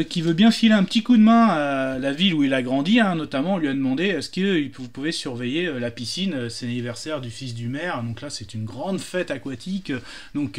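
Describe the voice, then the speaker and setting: Man, casual joke telling, halting with fillers, fairly high voice. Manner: hesitant, many fillers and restarts. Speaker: joke teller.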